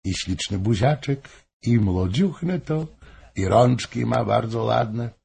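A man's voice: medium pitch, takes it slowly, creaky, darkish tone, husky, heavily acted. A man reading aloud, voicing a scheming noblewoman who coaxes a king. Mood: coaxing. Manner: coaxing, insinuating. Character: scheming noblewoman, persuasive and sly.

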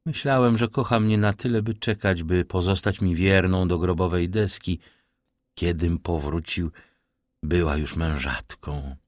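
A man voicing a reserved, melancholy nobleman who gives low, measured replies. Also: no room sound, clean studio sound. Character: grave, reserved nobleman count, middle-aged man.

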